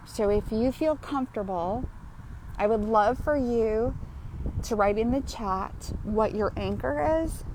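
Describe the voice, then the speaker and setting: Walking outside, this grief support host leads a live-streamed healing session, chatting warmly and laughing often. Her voice is a little high with a darkish tone, and the recording carries a slight hiss or hum.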